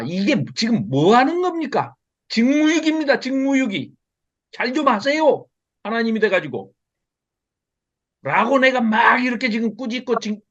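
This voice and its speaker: A man's voice: extremely high pitch, a bit bright, dull audio, voice pushed up, full character voice. A man voicing an indignant male prophet who lectures and scolds God in a demanding tone.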